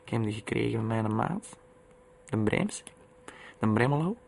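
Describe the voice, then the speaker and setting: A man with a Flemish accent hosting a radio show, rambling and repeating himself in gruff dialect. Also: lowish voice, lively intonation, moderate pace, a little mellow, a little hiss or hum. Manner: repetitive, tacks "hè" onto lines, gruff dialect. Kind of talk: rambling comic radio monologue.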